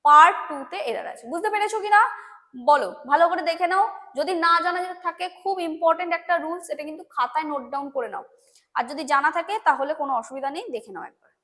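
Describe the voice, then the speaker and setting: High-voiced Bengali woman teaching grammar. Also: fast. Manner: patient, repetitive, calls students "babu", checks understanding. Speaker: English teacher. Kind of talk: exam-prep grammar lesson.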